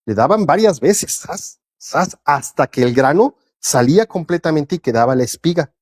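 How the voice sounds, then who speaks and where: Un hombre que predica un sermón, lee pasajes bíblicos en voz alta y los explica con preguntas a la congregación. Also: male voice, on the high side, animated, normal speed, darkish tone. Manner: reads scripture aloud and explains it, asking the congregation questions. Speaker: preacher. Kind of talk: sermon.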